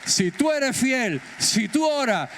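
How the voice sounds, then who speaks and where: Fervent preacher from Spain, echoing church. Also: male voice, sing-song, slow, fairly bright tone, slight background noise. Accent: Peninsular Spanish. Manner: fervent, exhorting, rising to high bursts. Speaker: pastor. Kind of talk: sermon. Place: church hall. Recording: echoey church hall.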